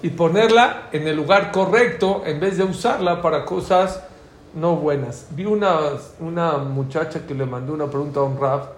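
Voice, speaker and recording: A slightly high-voiced, middle-aged man with a Mexican Spanish accent teaches an informal religious class at a moderate pace. He spins anecdotes with energy, voicing the dialogue himself, while the echoey room carries faint background noise.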